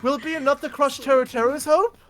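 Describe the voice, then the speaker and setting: A woman reading the lines of a calm, eerie young man who praises hope in a soft admiring way. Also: sits high, fast talker, close to an everyday voice.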